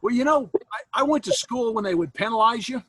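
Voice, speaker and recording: Animated and fairly quick, an Iowa instructor in his 60s makes casual conversation with students once his online class ends, joking in a folksy way and laughing a lot. His husky, higher male voice has a fairly bright tone. The computer mic on his home video call sounds close, dry and echo-free.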